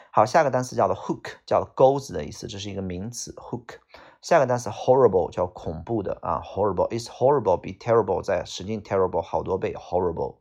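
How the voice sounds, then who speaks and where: A man's voice: on the low side, creaky, darkish tone. A man teaching English vocabulary, explaining each word casually with fillers and heavy speech. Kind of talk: vocabulary lesson.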